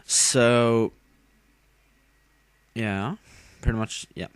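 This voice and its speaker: A man's voice: medium pitch, steady tone, extremely slow, clear, resonant tone, no room sound. A tired young man casually commenting on his own game battle, rambling with fillers and giggling at himself. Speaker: gamer narrating his battle.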